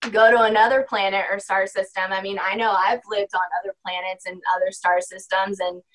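In a relaxed podcast interview, a young woman who practices spirituality talks briskly and rambles, filling her speech with "like" and "you know." Her medium-pitched voice is a bit bright with little pitch movement, and the poor audio carries a slight hiss or hum.

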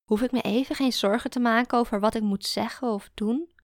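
A woman narrating a first-person story in a calm, even storytelling manner. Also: fairly high pitch, a little fast, no echo, clean studio sound. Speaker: audiobook narrator.

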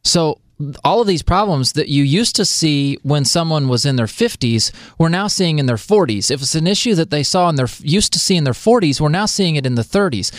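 A man's voice: fairly high pitch, animated, a little fast, no room sound, clean studio sound. Chatty male health show co-host. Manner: chatty, emphatic, lots of fillers. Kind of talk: casual health talk.

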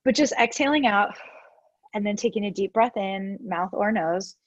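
With a congested nose, a woman guesting as a yoga teacher explains breathing exercises one step at a time in a casual instructional chat, leaning heavily on "like." She speaks at a moderate pace in a mid-range voice, and the recording is dry and muffled.

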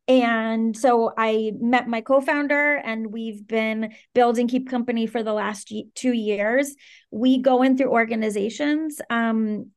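A woman in her thirties, raised between Venezuela and the Washington DC area, speaking as an interview guest in an articulate, earnest and animated way. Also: a little high. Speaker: guest, startup co-founder. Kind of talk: interview conversation.

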